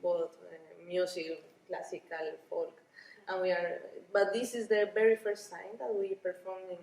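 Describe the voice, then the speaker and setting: Woman, halting, in a busy roomy hall. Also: lowish voice, little pitch movement, creaky, a little mellow. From Costa Rica. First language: Spanish. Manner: halting, frequent restarts and small laughs. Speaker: violinist and ethnomusicology researcher. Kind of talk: conference interview. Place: busy conference venue. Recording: roomy, distant, with busy crowd murmur.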